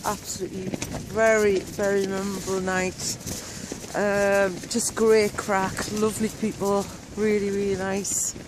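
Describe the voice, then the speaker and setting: Woman rambling slow in a tent, heavy wind noise over her. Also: medium pitch, level tone. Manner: slow, rambling, with many ums and repeats. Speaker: organiser of a women's wild camping meet. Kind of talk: casual vlog to camera. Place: small tent on a windy hilltop at night. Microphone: camera close overhead in the tent. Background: strong wind noise.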